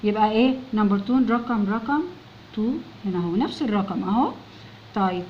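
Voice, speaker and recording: A woman's voice: medium pitch, fast. Woman teacher, Egyptian accent, patient, letter-by-letter sounding out, muffled recording, faint hiss. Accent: Egyptian Arabic. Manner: coaxing, keeps prompting pupils to answer. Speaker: English teacher. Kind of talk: recorded lesson for young children. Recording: dull lo-fi recording with faint noise.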